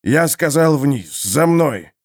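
A man's voice: on the high side, animated, slow pace, pitched above the performer's own voice. A man voicing an enraged male merchant who hisses and barks threats at a prisoner, in an audiobook. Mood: furious. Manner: snarling, hissing commands.

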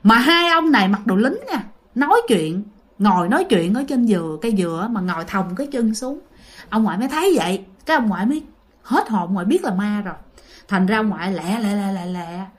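A woman telling a ghost story in a casual, animated way, speaking directly to listeners. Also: mid-range voice, brisk.

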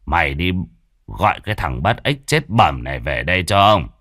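A man voicing a stern, hot-tempered wealthy old village patriarch who scolds and shouts orders. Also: low-pitched, very animated, moderate pace, dry recording, studio quality, voice pushed down, exaggerated voice. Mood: furious.

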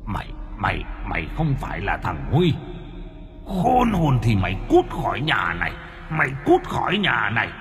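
A man's voice: medium pitch, huge pitch swings, moderate pace, a bit bright, big-room sound. A choking, furious old man's ghost, as a male narrator puts him on, gasping out threats in a horror storybook. His voice rises and falls sharply. Faint music sits under it.

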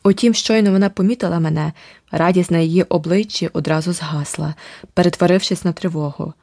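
Low-voiced woman narrating an audiobook. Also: brisk, no room sound, studio quality. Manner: steady, vivid storytelling. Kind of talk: scripted narration.

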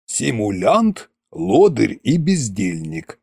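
A man voicing a stern, mocking old king with a gruff, commanding manner. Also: medium pitch, huge pitch swings, slow, dark tone, no echo, clean studio sound, full character voice.

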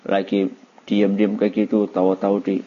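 A man's voice: lowish voice, moderate pace. A man teaching religion to a class of children, quizzing them and laughing along. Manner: lively, quizzing students, laughing. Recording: dull lo-fi recording.

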